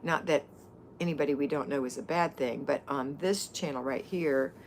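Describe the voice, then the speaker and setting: A woman's voice: sits low, normal speed, slight background noise. A woman hosting a live viewer Q&A, chatting casually and rambling with frequent ums and restarts. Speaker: livestream host answering viewer questions.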